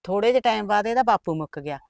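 A woman acting as a worried middle-aged village aunt with a Malwa Punjabi accent, pouring out her troubles in a plain, confiding way. Her voice sits at a middling pitch and sounds dry and close, with no room around it. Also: lively intonation, very fast, vocal fry, no room sound. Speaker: aunt raising an orphaned niece. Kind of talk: village short film acting.

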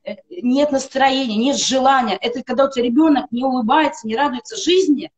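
With the highs cut off in the recording, a middle-aged woman speaks fairly quickly in a high voice. She's a live-stream guest calling by video from a room at home, giving an earnest wellness-product testimonial stuffed with emphatic lists.

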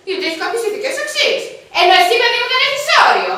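An actress playing a nervous, sharp-tongued young woman in a stage comedy. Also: extremely high pitch, lively intonation, full character voice. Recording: echoey stage from far off.

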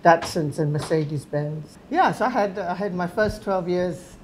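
A woman's voice: fairly low pitch, normal speed, darkish tone, a little hiss or hum, low-quality recording. A woman in her sixties from Uganda, speaking hesitantly with fillers in an interview. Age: 60s.

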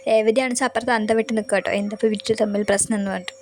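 A woman's voice: mid-range voice, steady tone, rapid-fire, a little mellow, slight background noise. A woman casually retelling a TV serial episode, chatty and quoting each character's lines. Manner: chatty, quotes characters' lines, adds tag words. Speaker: serial recap narrator.

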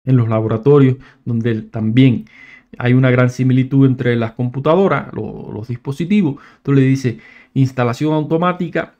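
A man giving a casual, screen-recorded software tutorial, thinking aloud and often restarting his words. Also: medium pitch, moderate pace, lo-fi sound. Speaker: tech tutorial presenter.

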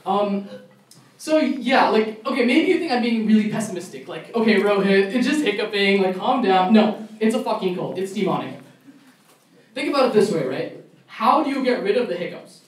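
A man's voice: high-pitched, sing-song, moderate pace. A young man doing a stand-up comedy set at a college club show, ranting in mock outrage. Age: young adult. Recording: echoey room, mic far off, faint noise.

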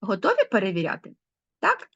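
A woman teacher giving an online school lesson, explaining rules with lively, rising emphasis. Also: mid-range voice, brisk, creaky, husky. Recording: dull lo-fi sound.

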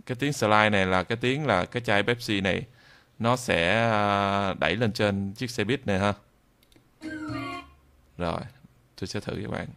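A low, gravelly, creaky-voiced instructor with a southern Vietnamese accent leads an improvised, screen-recorded software tutorial step by step. As he demonstrates, he speaks off the cuff, stopping and repeating himself.

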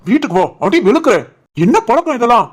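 A woman voicing a fast-talking, stern cartoon father. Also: on the high side, very animated, background noise. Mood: scolding. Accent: Kanyakumari-Tirunelveli Tamil. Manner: scolding, harsh. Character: angry young father, stern and protective.

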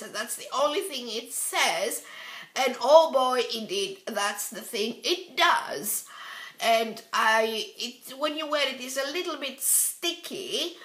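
A woman's voice: fairly high pitch, bright, forceful tone. A woman beauty vlogger reviewing her favourite products in a casual, hesitant way, with many fillers and restarts. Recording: echoey room.

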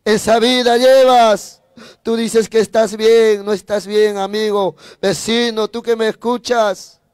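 A man preaching his testimony in a high, smooth voice that keeps close to one level. He repeats his phrases and breaks in with praise, turning often to address his listeners directly. The sound is dry and close. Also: flat delivery, unhurried, darkish tone, dry recording. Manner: fervent, repeats phrases, adds praise interjections. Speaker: evangelist preacher. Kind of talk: sermon testimony.

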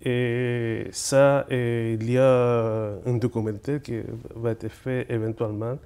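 A man's voice: medium pitch, flat delivery, slow, mellow, clear, resonant tone. A man speaking as a poet guest in an interview, hesitant, with frequent fillers and restarts. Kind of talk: casual interview conversation.

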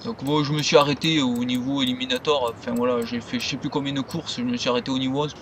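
A man's voice: mid-range voice, steady tone, fast, a little hiss or hum. A man giving loose, rambling commentary over his gameplay as a gaming video creator.

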